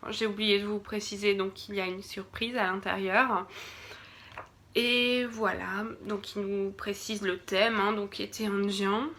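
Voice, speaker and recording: A woman's voice: medium pitch, flat delivery, measured pace, fairly bright tone, a little hiss or hum. A woman from France doing a casual unboxing video, hesitant, with many fillers and restarts, sometimes dropping to a murmur while she checks products. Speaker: beauty box reviewer.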